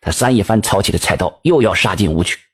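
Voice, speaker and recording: A man, telling a folk tale in lively colloquial speech. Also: low-pitched, fast talker, slightly rough. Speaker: storyteller.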